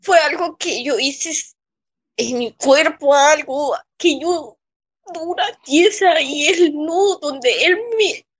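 A woman recounting a personal ordeal in an interview, in a shaken, halting way with frequent pauses. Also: high voice. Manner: halting, shaken, pausing often. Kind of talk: emotional personal testimony.

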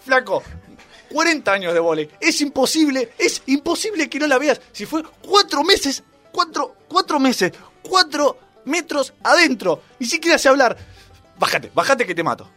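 A man's voice: sing-song, fast, hardly any pauses, breathy edge, full character voice. A man putting on a furious, shrieking volleyball player. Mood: outraged. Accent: Argentine Spanish. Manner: shouting, high-pitched and outraged. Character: hot-headed male volleyball player yelling at a referee. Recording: radio studio with faint music.

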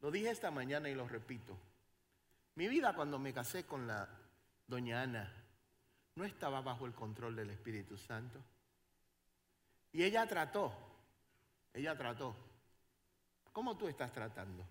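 A male pastor preaching a sermon in church, swinging between quiet passages and loud dramatic exclamations. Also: mid-range voice, very animated, normal speed.

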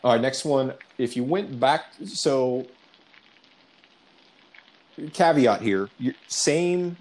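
A man's voice: mid-range voice, lively intonation, slow pace, darkish tone, low-quality recording. A man in his forties hosting a casual interview, chatty and rambling with asides as he asks questions. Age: 40s. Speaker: podcast host.

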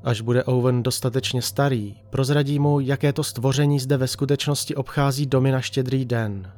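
Man narrating a dark story. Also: medium pitch, steady tone.

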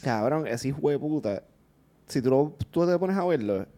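A man, co-hosting a podcast and telling stories in a casual, animated chat full of swearing. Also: medium pitch, normal speed. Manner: animated storytelling, swears often. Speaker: podcast co-host.

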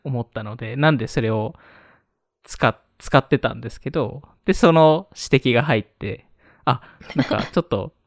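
A man's voice: medium pitch, normal speed, dry recording, clean studio sound. A man who is stronger in English than Japanese, chatting as a podcast co-host in very polite, formal phrasing with a hesitant delivery. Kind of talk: casual chat in polite Japanese.

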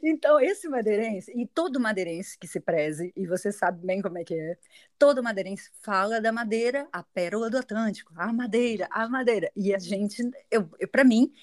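A middle-aged Brazilian woman with a Brazilian Portuguese accent, a guest telling her story in a casual interview, chatty and quick to laugh. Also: mid-range voice, expressive. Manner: chatty, laughs often, restarts sentences.

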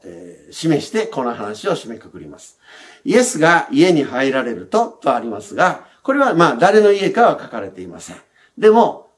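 Lively male pastor giving a sermon. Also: a little high. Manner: conversational, explanatory, with frequent softening sentence endings.

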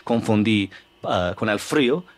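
A man from the United States with an American accent, a comedian guest on a podcast explaining his craft in halting Spanish, slipping in English fillers. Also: lowish voice, expressive. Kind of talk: casual podcast conversation.

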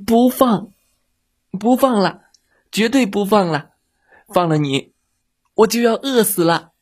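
A man's voice: on the high side, expressive, slow pace, breathy edge, full character voice. A man doing a greedy little big-bellied monster. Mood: fierce. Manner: childlike, fierce then soft. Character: little male monster with huge belly, greedy, soft-hearted.

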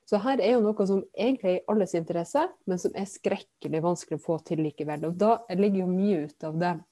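A woman politician answering questions in a casual interview over a video call, pausing often with filler sounds. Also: fairly low pitch, dark tone, no echo, studio quality. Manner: hesitant, many filler sounds. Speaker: politician, podcast guest.

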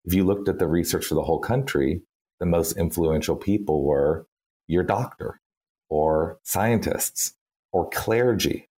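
A man with a Texan accent, from Texas, is a campaign strategist appearing as a guest in an interview. He talks casually and chattily, thinking aloud with many fillers like "like" and "you know". His voice sits low and is warm and husky, a little slow.

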